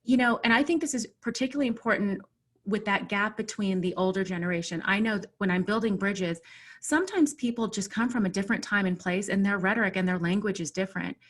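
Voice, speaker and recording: A woman speaking as a webinar panelist in a thoughtful, measured way, pausing often with ums, over a video call. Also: mid-range voice. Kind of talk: earnest discussion.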